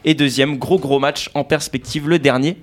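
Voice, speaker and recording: A man hosting a sports radio show, presenting match results in a lively, upbeat way. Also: a little high, moderate pace. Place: radio studio.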